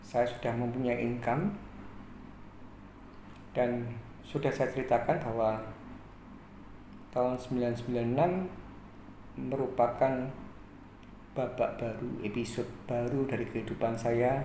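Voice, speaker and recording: Man in his 40s, unhurried life-story narrator, pausing often, echoey room with faint hum behind. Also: medium pitch, little pitch movement, warm tone. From Indonesia. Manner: slow, measured, with frequent pauses. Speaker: channel host.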